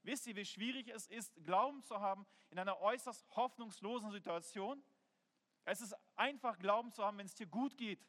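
A man's voice: sits high, a little fast, fairly bright tone. A man preaching a sermon in an earnest, conversational way, telling personal stories. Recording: long hall reverb.

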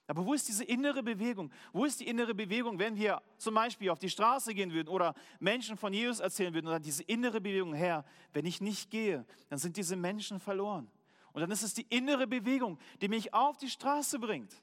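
A German man preaching a sermon as pastor, earnest, slowing down to stress key words. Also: high-pitched, a bit bright, in a large hall.

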